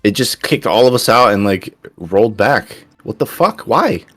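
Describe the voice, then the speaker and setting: A very deep-voiced man joins a gaming stream, complaining and swearing in frustration. His voice sits low, and the close, dry sound carries no room echo. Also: lively intonation, moderate pace, a bit bright, faint music behind. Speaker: co-player on stream. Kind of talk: casual gaming chat.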